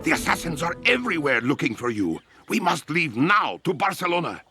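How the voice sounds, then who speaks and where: An anxious rescuer from a fantasy video game, earnest and urgent. His voice sits fairly high and moves with lively, dramatic pitch over prominent music. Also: fairly quick. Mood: urgent, worried. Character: anxious male ally urging escape from assassins. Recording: music behind the voice.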